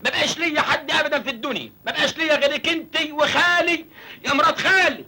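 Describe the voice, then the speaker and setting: A cheeky, penniless village lad in an Egyptian film comedy, talking in a high, bright voice at a rattling speed. He jokes and whines about his hunger and his luck. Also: racing, creaky, full character voice. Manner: cheeky, joking, self-pitying. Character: naive cheeky village man, young, penniless.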